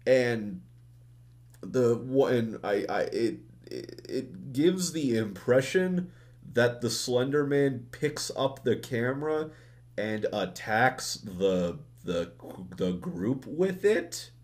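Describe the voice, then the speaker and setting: Young guy ranting about a bad movie, slow and draggy, swears a lot, keeps restarting sentences. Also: mid-range voice, lively intonation, a little mellow. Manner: profane, rambling, exasperated, many restarts. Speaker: movie reviewer.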